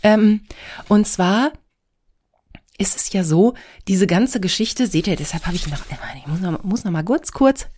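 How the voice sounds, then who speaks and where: This time the congested, nasal middle-aged host speaks unhurriedly, with lively intonation and a slightly mellow mid-range voice. Alone on her podcast, she rambles casually, scattered and poking fun at herself.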